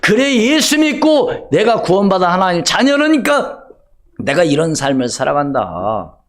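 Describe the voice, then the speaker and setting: An older man preaching from the pulpit of a church sanctuary. His voice sits a touch high for a man. He throws rhetorical questions at the congregation and drops to a hush before rising again to press a point. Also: big pitch swings, a little slow. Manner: rhetorical questions to the congregation, swinging between loud and hushed. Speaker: pastor. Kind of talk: sermon.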